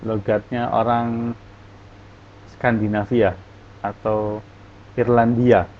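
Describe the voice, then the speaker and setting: Slow-talking male English teacher. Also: fairly low pitch, little pitch movement, a little hiss or hum. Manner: explains in Indonesian, reads English examples aloud. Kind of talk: online English lesson. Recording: dull lo-fi recording.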